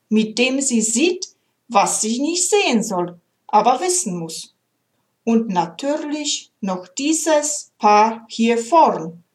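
A woman reading aloud, voicing a patient, loving male God who explains his creation earnestly. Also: a little high.

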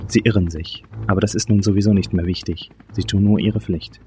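A man voicing a shaken, resigned woman suspect who speaks quietly and evenly, with music behind. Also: low-pitched, steady tone, brisk, background noise, close to an everyday voice. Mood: calm. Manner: quiet, composed.

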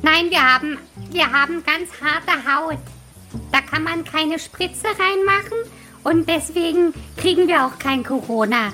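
A woman voicing a cheeky little male dwarf with a high, squeaky voice and blunt, deadpan answers. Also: a little slow, faint music behind. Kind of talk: comedy podcast sketch.

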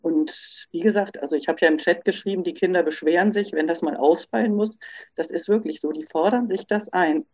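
A woman's voice: fairly low pitch, a little fast, darkish tone, highs cut off. A woman who teaches primary school, explaining earnestly on a video call. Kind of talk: video call panel remark.

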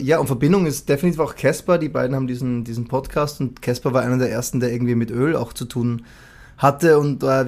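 A man's voice: medium pitch, a little mellow. Male musician guest, casual, rambling, self-correcting. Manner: thinking aloud, many restarts. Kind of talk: casual conversation.

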